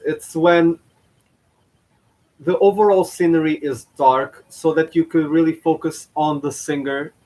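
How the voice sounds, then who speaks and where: A man hosts his own channel, reacting casually to a past contest, his commentary hesitant and packed with fillers and restarts. He has a medium-pitched voice, and the audio is poor.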